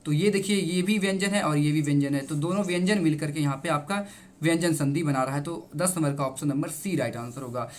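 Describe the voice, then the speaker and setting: A man, speaking in a fairly high voice, goes through exam answers one by one. He is emphatic and reassuring. He stops often to repeat the right answer to his students. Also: brisk, slight background noise. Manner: repeats each answer, keeps addressing the students. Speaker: teacher. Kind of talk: exam answer-key explanation.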